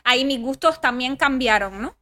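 A woman with a Spanish accent chats freely as a podcast guest. Her voice is bright and sits a little high, and she keeps talking through interruptions. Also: moderate pace. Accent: Spanish regional accent. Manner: lively, chatty, talks through interruptions. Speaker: podcast guest, former reality show contestant. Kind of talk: casual interview chat.

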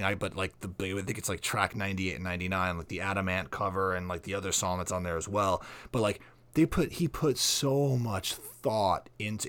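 A man's voice: deep voice, a bit bright. A middle-aged man in casual conversation, opinionated and swearing freely while going into detail on music releases. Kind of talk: casual chat.

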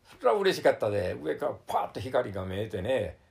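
Older man, Kansai accent, gravelly, lively pitch; survivor testimony told vividly with lots of fillers. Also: fast. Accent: Kansai Japanese, Wakayama dialect. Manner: vivid storytelling with sound words, many fillers. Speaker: flood survivor recounting his experience. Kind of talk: oral history testimony.

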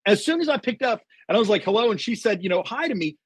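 Man, husky voice, high pitch, earnest faith testimony, dry recording. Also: fast, no echo. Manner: earnest storytelling, quotes himself and God; many fillers and restarts, excited. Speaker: podcast guest.

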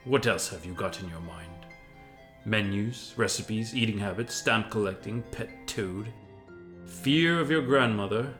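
A man's voice: fairly low pitch, measured pace, a bit bright, faint music behind. A man voicing an intrusive, sardonic talking hat that reads minds, drawling and dismissive in a scripted parody audio story. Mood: bored, prying. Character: intrusive, bored, sardonic telepathic sorting hat.

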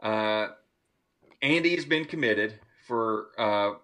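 A man's voice: fairly low pitch, animated, takes it slowly, fairly bright tone. A man hosting a podcast, casually and enthusiastically recounting a film's plot with plenty of swearing and laughter in his retelling. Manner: enthusiastic, profane, retells scenes. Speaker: podcast host. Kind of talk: casual movie review chat.

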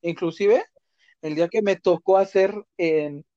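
A man's voice: high-pitched, measured pace, dark tone, no room sound. A young man with a Mexican accent, telling stories in crude slang in a casual chat. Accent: Mexican Spanish. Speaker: co-host. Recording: dull lo-fi dry recording.

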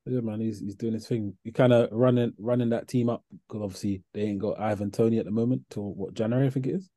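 A man's voice: lowish voice, fairly even intonation, fast, dark tone, no echo. A man with a London accent hosting a casual football chat. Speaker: podcast host.

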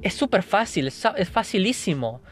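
Man, non-native speaker, English first language, slightly higher pitch, casual thinking-aloud monologue full of restarts. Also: big pitch swings, moderate pace, a little hiss or hum. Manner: thinking aloud, frequent restarts and tag questions. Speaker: language learner sharing tips.

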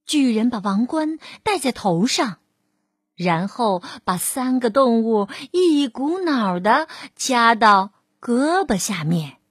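A woman reads a children's story aloud with a high, very lively voice. She takes her time and her voice is a little breathy. The recording is dry and close. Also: no echo. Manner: expressive, drawn-out storytelling.

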